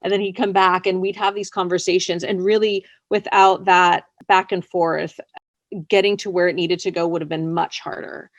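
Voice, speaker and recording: Being interviewed, a scriptwriter chats informally and rambles, leaning on "like" and "you know." She has a lowish voice with little pitch movement and speaks at normal speed, with no echo.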